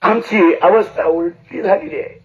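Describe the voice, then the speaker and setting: A man's voice: high voice, a little slow, slight background noise. A man preaching a devotional sermon in a dramatic, exhorting way, acting out the story. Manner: dramatic, exhorting, switches into character voices. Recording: distant muffled lo-fi recording.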